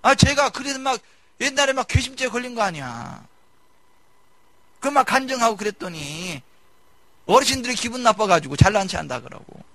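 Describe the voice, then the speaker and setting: A man preaches a sermon with a very high voice that leaps around. His tone is bright and forceful, and the sound is dry and close. He acts out people's complaints and shouts his key points. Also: normal speed, long pauses, dry recording. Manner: animated preaching, mimicking congregants, shouting emphases. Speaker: pastor. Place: church sanctuary.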